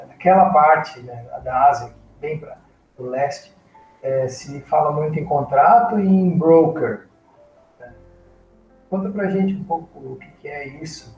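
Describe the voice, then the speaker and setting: A man's voice: on the high side, a little mellow, reverberant, recorded from a distance, poor audio. A man hosting a casual interview, asking friendly prompting questions. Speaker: podcast host.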